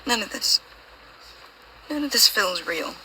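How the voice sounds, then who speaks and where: A woman playing a grieving, hurt and suspicious young daughter in a video game, breathy and creaky, with a raw, probing delivery. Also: medium pitch, animated, unhurried, sharp tone, a little hiss or hum, poor audio. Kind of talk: video game dramatic acting.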